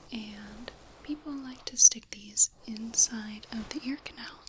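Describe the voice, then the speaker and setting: A woman in a whispered role-play as an ear-exam clinician, speaking in a soft, breathy whisper with a gentle, reassuring manner. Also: fairly high pitch, a little hiss or hum. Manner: gentle, unhurried, reassuring explaining. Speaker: ASMR performer playing an ear-exam clinician.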